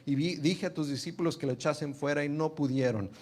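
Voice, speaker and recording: Earnest preacher man reading scripture. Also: a little fast. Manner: earnest, asks listeners "¿sí?" often; acts out the father's plea with rising pitch. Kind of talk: sermon with Bible reading.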